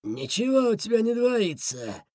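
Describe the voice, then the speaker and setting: Woman doing a hoarse gruff beaver bandit. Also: fairly high pitch, very animated, unhurried, mellow, no room sound, studio quality, pitched above the performer's own voice. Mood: menacing. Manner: barking, threatening.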